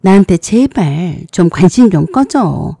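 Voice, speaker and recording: A woman's voice: lowish voice, animated, measured pace, vocal fry, dark tone, husky, dry recording, clean studio sound, heavily acted. Woman voicing a proud defensive younger sister. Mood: pleading.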